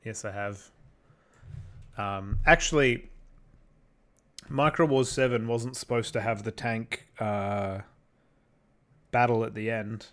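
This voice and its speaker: A man's voice: fairly low pitch, slow pace, pauses often, a bit bright. Rambling Australian man on a livestream. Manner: rambling, thinks aloud, reads out chat questions. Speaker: livestreamer making visual effects. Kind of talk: casual livestream chat.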